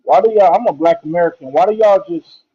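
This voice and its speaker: Man with a muffled, bass-heavy voice. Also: fast talker, dark tone. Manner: slangy and conversational, pleading his point. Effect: muffled, bass-heavy, underwater-like sound. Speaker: caller in a live audio chat. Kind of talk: casual argumentative chat. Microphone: headphone mic. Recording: muffled lo-fi headphone mic.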